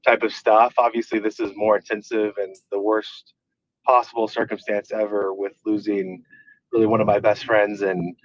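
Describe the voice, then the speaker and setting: Calling in over speakerphone while driving, a man who leads an activist organization makes casual remarks, earnest and rambling, with many restarts. His voice is fairly low and flat at a moderate pace, with no echo but poor audio quality.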